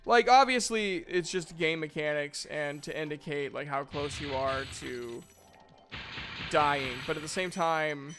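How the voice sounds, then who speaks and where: A man's voice: fairly high pitch, a little slow. A young man giving casual gameplay commentary as a streamer, rambling and joking with lots of fillers. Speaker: streamer and voice actor. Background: game music.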